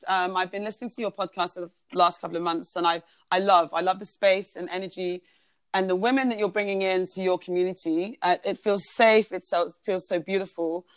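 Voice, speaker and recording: A Ugandan woman appears as a podcast guest, telling her story chattily in a medium-pitched voice with lots of fillers and restarts. The casual storytelling has no echo.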